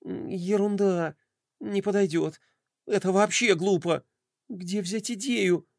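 A flustered young boy who exclaims and frets in a high, bouncy voice, as a man puts him on. The storybook reading is dry and close, with no room sound. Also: lively intonation, extremely slow, fairly bright tone, no echo, exaggerated voice. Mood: muttering. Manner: exclaiming and fretting.

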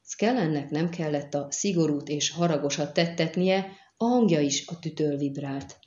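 A woman narrating an audiobook in a measured, even storytelling manner. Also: deep voice, reverberant, highs cut off.

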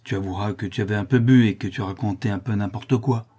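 A man's voice: lowish voice, fairly even intonation, fast talker, mellow, slightly rough. A man voicing a shrewd man who scolds and coaxes a widow in an audiobook. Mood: coaxing. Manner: scolding, coaxing.

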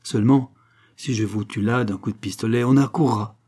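A man's voice: mid-range voice, fairly even intonation, moderate pace, warm tone, breathy edge, lightly acted. A man voicing a thirteen-year-old boy duke who speaks with firm, solemn command. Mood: coldly resolute.

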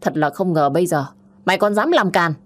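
A woman narrator voicing a stern, hoarse elderly grandfather who scolds loudly and barks orders. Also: lowish voice, animated, brisk. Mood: furious.

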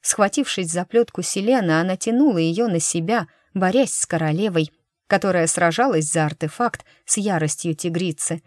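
A woman's voice: on the low side, normal speed, no echo, clean studio sound. Woman narrating a fantasy audiobook.

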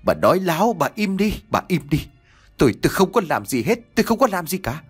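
A man's voice: high voice, sing-song, fairly quick, breathy edge, soft background music, pitched above the performer's own voice, full character voice. A man reading a storybook voices an unhinged, jealous young man who rants and hurls accusations. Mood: panicked. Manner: shouting accusations, ranting.

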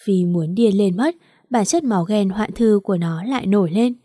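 A woman narrating a romance story in a steady, even audiobook reading. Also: medium pitch, moderate pace, breathy edge, no echo, studio quality.

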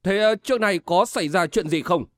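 A man's voice: sits high, fairly quick, no echo, studio quality, close to an everyday voice. A man voicing an agitated young nobleman who speaks urgently and commandingly.

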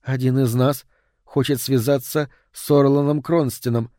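A man voicing a calm female spirit medium who talks slowly and in a hush. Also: medium pitch, dry recording, clean studio sound, natural voice. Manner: slow, hushed and steady.

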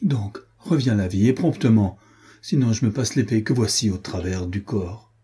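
A man's voice: lowish voice, normal speed, mellow, husky. A man voicing a distraught young nobleman. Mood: vehement. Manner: anguished, pleading, explosive.

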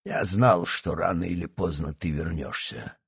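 A man's voice: sits low, fairly even intonation, measured pace, gravelly, husky, no room sound, clean studio sound, exaggerated voice. A man voicing a scheming old doctor who is secretly a villainous professor, speaking in a condescending, sly way in an audiobook. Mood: cold. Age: over 60. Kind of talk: audiobook character acting.

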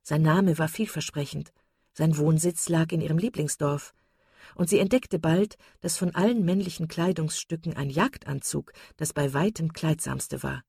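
A woman narrating a classic novel in a measured, steady audiobook reading. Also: deep voice, creaky, husky, no room sound, studio quality. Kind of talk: scripted narration.

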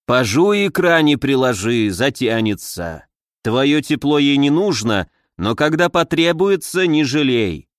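A man voicing a cryptic old hermit sage who speaks slowly in a resonant voice. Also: mid-range voice, very animated, no room sound, studio quality. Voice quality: resonant, slow and measured.

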